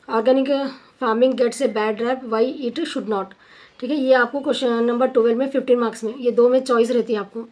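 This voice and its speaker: A woman teaches a grammar lesson in a fairly high voice. She speaks at a slow, deliberate pace and draws out each example word. Quick asides break up her careful explanations. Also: a little mellow. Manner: switches between slow careful English and quick Hindi asides, stretching example words. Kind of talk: exam-focused grammar lesson.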